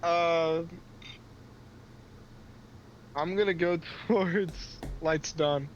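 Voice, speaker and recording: A man's voice: a little high, steady tone, muffled recording, slight background noise. A man playing a tabletop game, speaking hesitantly in a casual way. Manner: hesitant, slow, drawled. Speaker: player.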